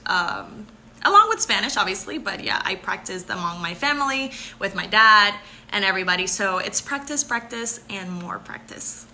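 Laughing a lot and moving between Spanish and English, a young woman from Puerto Rico responds to viewers' comments on her livestream. She is a pageant contestant in her twenties, speaking in a pushed, bright, mid-range voice. The phone camera is held near her in a bright room, with slight background noise.

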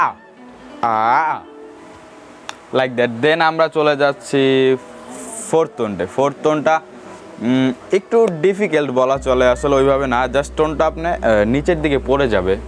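A man whose first language is Bengali teaches a casual video lesson in a chatty, easygoing way. He leans on fillers and drops in English words as he explains. Faint music plays softly behind him. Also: mid-range voice.

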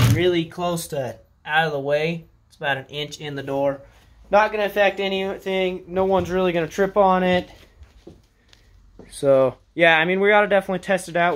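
A young man casually explaining his cargo trailer work in a DIY vlog, rambling and correcting himself as he goes, filmed on a handheld camera inside a trailer. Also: sits high. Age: young adult. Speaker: DIY vlogger.

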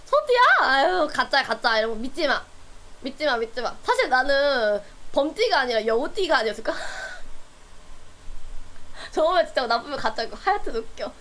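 A woman's voice: high voice, sing-song, moderate pace, fairly bright tone. A woman streamer chatting casually with her viewers, playful and teasing, often breaking into laughter.

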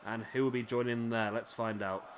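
A man's voice: mid-range voice, steady tone, brisk. A man with hiccups giving casual play-by-play commentary on a wrestling video game. He is chatty, often adds tag questions and corrects himself.

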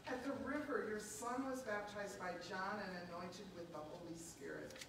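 A woman pastor reads formal liturgy in measured, solemn phrases, her voice echoing through a church. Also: medium pitch. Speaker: pastor leading a baptism. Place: church sanctuary, recorded from the congregation. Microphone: far camera. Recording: very echoey church, distant mic, noisy.

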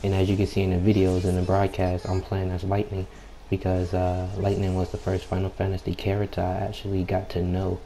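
Low, unhurried, very monotone young man. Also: low-quality recording. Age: young adult. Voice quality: low, subdued voice. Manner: unhurried, laid-back, slangy, frequent "you know" filler; keeps clearing throat. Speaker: gaming YouTuber. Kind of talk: casual gameplay commentary. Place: at home late at night, people nearby. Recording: home mic with background noise.

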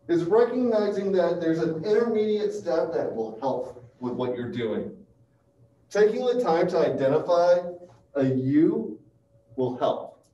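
In a small classroom with a chalkboard and projector, a man in his thirties works through calculus steps aloud in halting phrases, often checking in with his listeners. His fairly high, mellow voice is caught by a far camera mic, sounding muffled, roomy, and distant with hiss.

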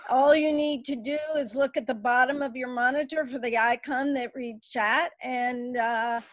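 Older woman moderating, high-pitched. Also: no room sound, rough recording. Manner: organized, instructive. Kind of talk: moderating a webinar. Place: home study indoors. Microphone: headset on video call.

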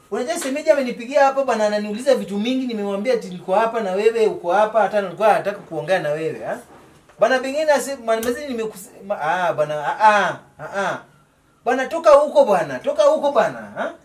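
Exasperated Kenyan friend, high quick voice man acting. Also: lively intonation. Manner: agitated, stammering. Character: exasperated friend covering for his cheating buddy. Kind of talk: comedy skit acting of a phone call. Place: small room, indoors. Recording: distant mic, faint background noise.

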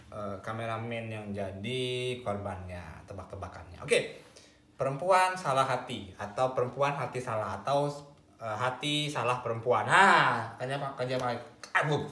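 A man's voice: medium pitch, a bit bright, reverberant. A man with an Indonesian accent teaching Japanese in a casual video lesson, playful and teasing, laughing often.

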